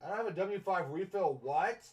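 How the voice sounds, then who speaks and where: A man's voice: high voice, lively intonation, brisk, muffled recording, slight background noise. A man chatting casually on a live stream as he draws, self-deprecating and given to humming melodies. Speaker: streamer and artist. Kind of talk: casual live-stream chat while drawing.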